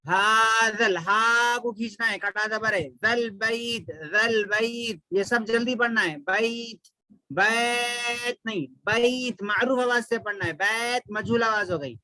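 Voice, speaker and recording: A man teaching Quran recitation with a Pakistani Urdu accent, chanting verses slowly and then explaining them briskly, asking questions and answering them himself. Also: high voice, bright, forceful tone, dry recording, poor audio. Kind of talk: recitation lesson.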